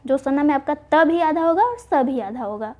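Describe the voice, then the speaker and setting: A woman teaching Hindi spelling for exam prep, spelling words out slowly and answering her own questions. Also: high voice, expressive, muffled recording. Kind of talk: online exam-prep lesson.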